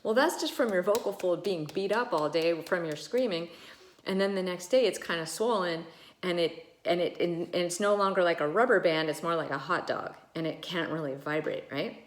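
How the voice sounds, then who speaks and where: A woman's voice: fairly low pitch, normal speed. A woman ENT doctor explaining casually, with many fillers, who sometimes demonstrates how voices sound. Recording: echoey room.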